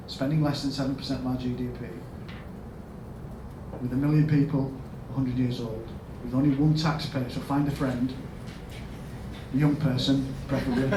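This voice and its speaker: At a conference, a man from Yorkshire who runs a health service tells stories in his keynote, his voice sitting in the mid range. He poses questions to the crowd and surges into loud, forceful emphasis. Sound comes from a far-off mic in a reverberant hall, with noise in the background.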